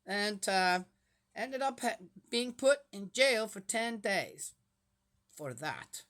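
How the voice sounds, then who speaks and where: A woman's voice: mid-range voice, big pitch swings, slow pace, fairly bright tone. A woman in her sixties talks in a loose, rambling style, with a voice in a middling range. She keeps turning to her listeners with rhetorical questions. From Switzerland. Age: 60s. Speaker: vlogger reading the Bible. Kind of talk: casual chatty monologue.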